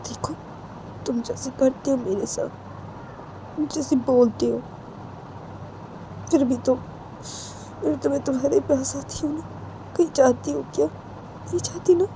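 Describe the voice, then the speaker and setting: A woman voicing a tender young woman who gently coaxes her weeping partner, asking "haan?" after almost every line. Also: high-pitched, fairly even intonation, measured pace, long pauses, background noise, voice pushed up. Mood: soothing.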